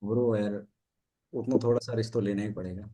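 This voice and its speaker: A man's voice: lowish voice, fairly even intonation, fairly quick, mellow. A man hosting a casual podcast chat as a dating coach, telling stories from his own life in a Hindi and English mix and laughing often.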